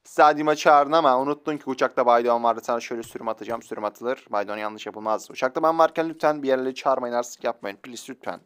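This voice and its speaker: A young man streaming a mobile shooter game, excitable, swearing and joking at other players as he plays. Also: medium pitch, fast talker, few pauses, clear, resonant tone. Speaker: gaming streamer. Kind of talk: live mobile game commentary. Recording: faint game gunfire behind.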